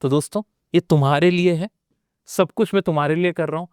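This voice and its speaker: Motivational Indian teacher, crisp and dry. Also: male voice, on the high side, fairly quick, a little mellow, no room sound. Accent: Indian English. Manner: motivational, addresses students directly and repeats phrases. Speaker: spoken English teacher. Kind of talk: energetic online class lecture.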